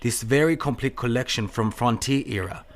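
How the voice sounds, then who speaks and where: In an audio drama re-creating a 1930s mystery film, a man plays a shrewd, courteous Chinese detective who speaks in clipped formal phrases and drops articles. His tone is shrewd and observant, his voice natural and medium in pitch at normal speed.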